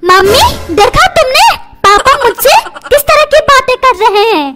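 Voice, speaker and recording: A woman's voice: very high voice, very animated, unhurried, very noisy, full character voice. A woman voicing a sassy, whiny cartoon schoolboy who tattles on his parents. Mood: cheeky.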